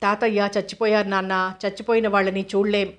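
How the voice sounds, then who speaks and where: A woman reading as a gentle soothing mother. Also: mid-range voice, little pitch movement, fast talker, natural voice. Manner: soothing, consoling. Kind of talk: audio novel reading.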